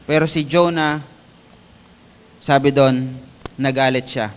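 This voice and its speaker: A man's voice: mid-range voice, fairly even intonation, slow pace, clear, resonant tone. A Filipino man preaching as a pastor, switching between Tagalog and King James English and rising to emphatic peaks. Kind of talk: sermon. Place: church. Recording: long church hall reverb.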